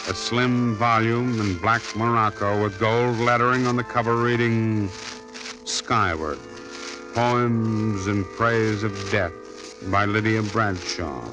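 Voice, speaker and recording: A man's voice: lowish voice, poor audio. A man playing a wry hardboiled private detective in a 1950s radio drama, narrating in a dry voice and questioning people.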